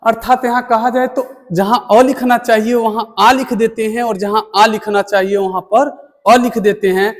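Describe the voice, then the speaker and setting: A man teaching a spelling lesson at a board, speaking deliberately and repeating words for emphasis. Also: high-pitched, steady tone. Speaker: Hindi teacher. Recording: long room reverb.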